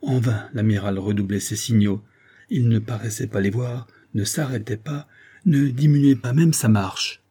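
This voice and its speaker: A man reading a classic novel aloud as scripted narration in a steady, dramatic manner. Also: mid-range voice, moderate pace, slightly rough. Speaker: audiobook reader.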